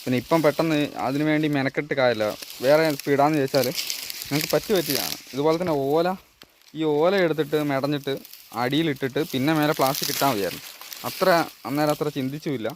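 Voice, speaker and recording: A man's voice: fairly high pitch, fast, noisy background. A man talking casually to his vlog viewers at home, rambling and searching for words as he goes. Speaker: family vlogger. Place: at home, partly outdoors.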